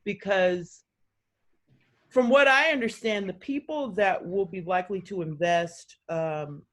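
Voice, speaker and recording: An excited woman chatting casually on a video call as a community organizer, talking fast with lots of fillers. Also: medium pitch. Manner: energized, talks fast with many fillers and quoted voices. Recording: muffled video-call audio.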